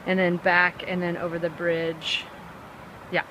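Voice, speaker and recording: A woman chatting casually to her vlog viewers outdoors by a river, upbeat and excitable, with lots of "like" and "um" fillers. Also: fairly low pitch, a little slow, a little hiss or hum, low-quality recording. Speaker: vlogger.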